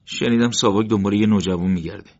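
Man doing a guarded young brother in a storybook, lifted voice, husky, lo-fi. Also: lowish voice, darkish tone, pitched above the performer's own voice, natural voice. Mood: uneasy. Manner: guarded, uneasy. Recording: dull lo-fi recording.

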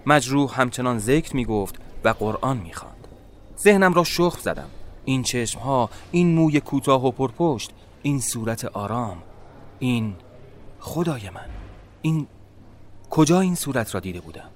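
A man narrating a first-person story in a measured, dramatic storytelling manner. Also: medium pitch, animated, slight background noise.

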